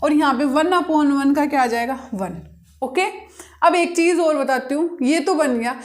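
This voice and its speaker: A woman with a high, light voice teaches a maths lesson. She works through each step patiently and repeats key points. She keeps asking the class questions and then answers them herself. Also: measured pace. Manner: patient, repetitive step-by-step explaining. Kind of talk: blackboard-style maths lesson.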